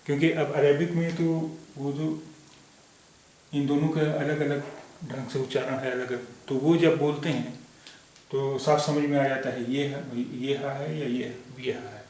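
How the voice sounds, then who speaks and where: A man gives a spoken language lesson, patient and methodical, repeating sounds and examples so learners can follow. His voice sits at an ordinary middle pitch and comes from some distance off the mic. The room rings with a strong echo, and a faint hiss runs underneath. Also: little pitch movement, unhurried, darkish tone. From India. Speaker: Urdu teacher.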